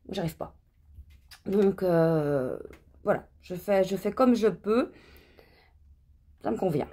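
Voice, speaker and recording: A woman's voice: mid-range voice, a little mellow. Chatty French woman knitting vlogger. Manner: chatty, rambling with many fillers and restarts. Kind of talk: casual vlog chat.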